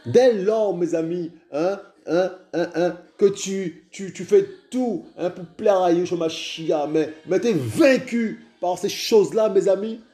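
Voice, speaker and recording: Male preacher, fairly high voice, mellow and dark in tone, insistent and repetitive, recorded in an echoey room with faint music underneath. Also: slow, few pauses. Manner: repeats "mes amis" and "hein" constantly, urgent exhortation. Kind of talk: informal sermon.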